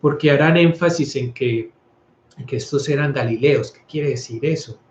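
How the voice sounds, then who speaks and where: A man's voice: mid-range voice, moderate pace, darkish tone, slight background noise. Man, priest from Colombia, casual scripture talk, trips over words, echoey room, slightly muffled sound. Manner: conversational, stumbles and restarts words. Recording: roomy, slightly dull recording.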